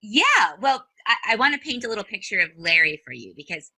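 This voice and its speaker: Chatty minnesotan lady hosting a podcast, bright voice, dry close sound. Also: medium pitch, very animated, quick pace, no room sound, poor audio. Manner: upbeat, chatty, laughs easily. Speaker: podcast host. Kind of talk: podcast interview.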